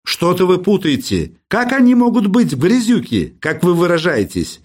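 A man's voice: high-pitched, huge pitch swings, moderate pace, a little mellow, voice pushed up, exaggerated voice. A man doing a fussy provincial farm manager. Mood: anxious. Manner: anxious, fussing.

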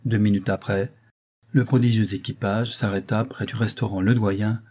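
A man reading a classic novel aloud in a measured literary manner, raising his pitch for the characters' dialogue. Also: fairly even intonation, darkish tone. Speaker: audiobook narrator. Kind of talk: scripted narration.

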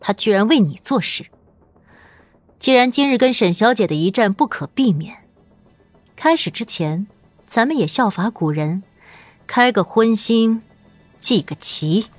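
A man's voice: expressive, a little slow, pauses often, faint music behind. A man voicing a scornful proud demoness. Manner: cold scornful falsetto. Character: proud furious female demon, cold, defiant.

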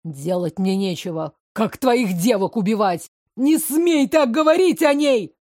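A woman's voice: mid-range voice, unhurried, a little mellow, no echo, clean studio sound, natural voice. A woman reading an audiobook, voicing a furious, commanding middle-aged grand duke who growls and barks his questions. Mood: angry. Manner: growling, barking interrogation.

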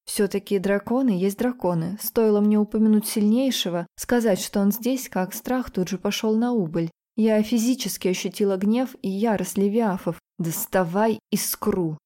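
A woman narrating a fantasy novel in the first person with steady, expressive reading. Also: medium pitch, moderate pace, few pauses. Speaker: audiobook narrator.

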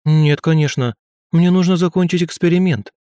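A man's voice: fairly high pitch, moderate pace, warm tone, clean tone, no room sound, clean studio sound, voice pushed up, close to an everyday voice. A man voicing an eccentric undead male ghost scientist who rambles in a matter-of-fact, businesslike way. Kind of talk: audiobook character voice.

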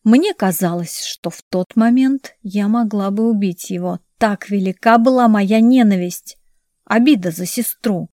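A woman narrating a novel in the first person in a measured, even storytelling way. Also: mid-range voice, no echo, clean studio sound. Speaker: audiobook narrator.

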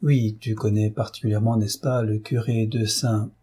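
A man's voice: on the low side, little pitch movement, moderate pace, dark tone, husky. A man reading as a troubled young woman. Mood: troubled, earnest.

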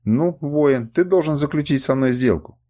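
A man's voice: on the high side, normal speed, mellow, pitched above the performer's own voice, lightly acted. A man voicing a proud, cunning woman queen in an audiobook, with an emotional delivery in a raised voice. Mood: haughty. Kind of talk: audiobook character reading.

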